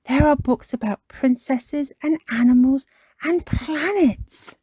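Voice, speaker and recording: A woman voicing an excitable, bossy little girl pig for a children's storybook. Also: high voice, slow pace, dry recording, voice pushed up, low-quality recording. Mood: excited, curious. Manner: exclamatory, eager.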